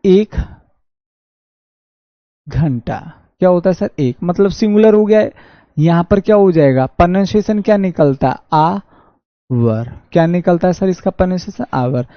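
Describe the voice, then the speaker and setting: A man with a Haryanvi accent teaching an online exam-prep English class, reading sentences slowly and answering his own questions. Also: high-pitched, expressive, no echo. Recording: dull dry lo-fi audio.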